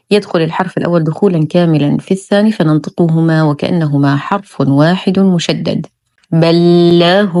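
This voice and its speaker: A woman teaching Quran recitation rules in a slow, methodical lesson, demonstrating each sound before explaining it. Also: low voice, a little mellow, no room sound, clean studio sound. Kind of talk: slow, careful tajweed lesson.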